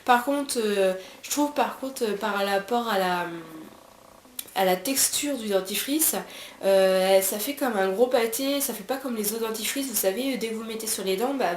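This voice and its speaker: A woman's voice: fairly high pitch, normal speed. A French woman with a French accent chats through a beauty product review at home, her words full of little fillers and false starts. The room gives her voice a roomy echo, and a faint hiss sits underneath. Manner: chatty, many fillers and restarts. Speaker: beauty vlogger.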